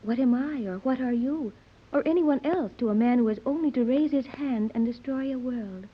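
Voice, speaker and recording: A woman with a high, husky voice speaks at a normal pace, and the recording's highs are cut off. She plays an earnest, precocious fifteen-year-old girl in the style of a 1930s radio serial, her tone grave and her phrasing formal, bookish and precisely worded.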